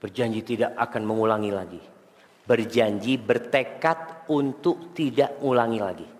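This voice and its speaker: A man preaching a sermon, animated and quizzing the congregation, recorded in a mosque hall. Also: mid-range voice, moderate pace. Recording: echoey hall.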